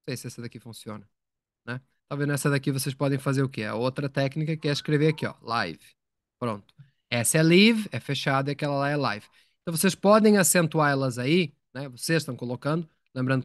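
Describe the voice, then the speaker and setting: A man's voice: on the high side, dry recording, studio quality. A man teaching English in a live online lesson, explaining patiently, repeating words and asking his students questions.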